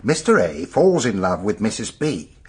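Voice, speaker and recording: An actor playing a brisk, methodical British police superintendent in a radio drama, speaking formally. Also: male voice, on the low side, big pitch swings, husky, heavily acted. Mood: reasoning. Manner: reasoning, formal.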